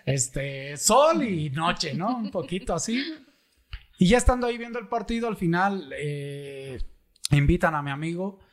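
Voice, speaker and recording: Joking middle-aged Mexican man, higher voice. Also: lively intonation, a little slow. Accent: Mexican, Michoacán. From La Piedad, Michoacán, Mexico. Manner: colloquial and joking, laughs while telling the story. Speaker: podcast host. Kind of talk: casual storytelling chat.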